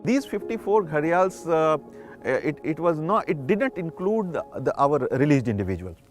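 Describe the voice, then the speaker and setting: A man with an Indian accent speaking haltingly as a conservationist in a documentary interview. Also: on the high side, sing-song, soft background music. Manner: halting, hesitant delivery.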